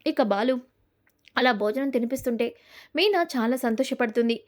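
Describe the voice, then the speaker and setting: A woman retelling a TV serial episode as a storyteller, in an animated narrating manner. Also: a little high, moderate pace. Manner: animated, retelling events in the present tense.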